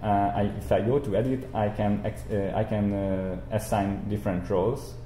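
A young adult male instructor delivers an explanatory software screencast lecture in a low, slightly mellow voice, halting yet steady in tone. He speaks beside a screen recording in an indoor room, and the recording has roomy echo with light background noise.

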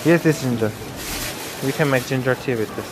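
A man's voice: medium pitch, fairly quick. Playful man in a noisy market. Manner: playful, jokey, mixes Korean and English. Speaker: vlog host. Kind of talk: casual market vlog chat. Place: busy outdoor street market. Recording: noisy outdoor street market.

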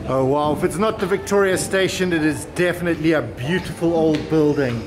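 Chatting casually at a fairly quick clip, a man in his fifties with a fairly high pitch leads an excited walking tour of an outdoor shopping terminal for his travel vlog, chuckling and exclaiming. The recording picks up wind, street noise and crowd sounds.

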